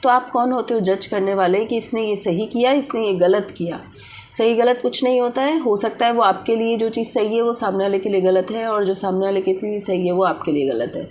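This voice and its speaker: A woman's voice: medium pitch, fairly quick, a little mellow, a little hiss or hum. A woman reading tarot for viewers, giving direct advice and mixing English words into Hindi. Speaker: tarot reader.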